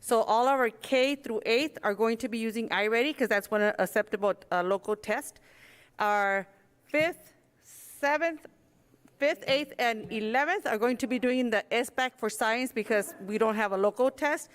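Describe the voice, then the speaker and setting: Clear-voiced woman in an echoey hall. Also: on the high side, moderate pace. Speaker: school district official. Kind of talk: formal clarification at a public meeting. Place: large indoor board meeting room.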